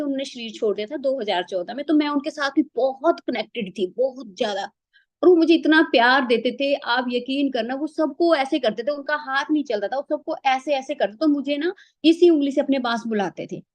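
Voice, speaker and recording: A woman's voice: high voice, fairly quick. A woman sharing a heartfelt spiritual experience, acting out the dialogue as she goes. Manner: animated storytelling, acts out dialogue. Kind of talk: emotional personal testimony.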